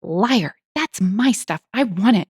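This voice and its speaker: A woman's voice: medium pitch, lively intonation, slow pace, husky, no room sound, clean studio sound. A woman voicing an angry, entitled woman who shrilly accuses a stranger of theft in a storybook tale. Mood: accusing, shrill.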